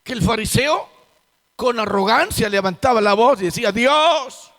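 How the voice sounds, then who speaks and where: A man's voice: high voice, normal speed, a bit bright. A man preaching a sermon as pastor, emphatic and full of rhetorical questions. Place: church sanctuary. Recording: long hall reverb in church.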